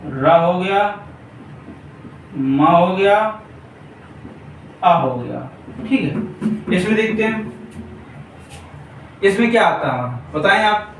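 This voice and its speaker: A man's voice: sits high, animated, takes it slowly, pauses often. A man teaching a Hindi grammar class for exam preparation, repeating points and checking in with his students often. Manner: repetitive, keeps checking in with the class. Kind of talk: exam-prep grammar lesson at a board. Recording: echoey room, distant mic, faint hiss.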